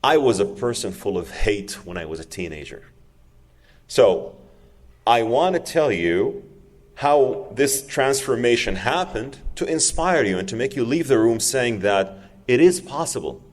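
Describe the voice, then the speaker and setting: A Saudi public speaker in his 40s tells an audience his personal story, earnest and emphatic, repeating words for stress. His medium-pitched voice is animated and measured in pace, with a big-room sound.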